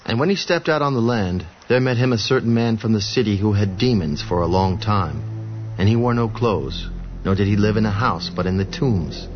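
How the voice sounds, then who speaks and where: A man narrating scripture in a steady, even storytelling way. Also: on the low side, normal speed. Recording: dull lo-fi audio with music behind.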